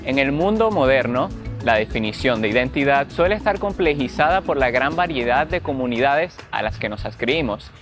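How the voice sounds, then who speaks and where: A man's voice: mid-range voice, lively intonation. Man narrating over faint music. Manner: measured explanatory. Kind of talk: scripted narration.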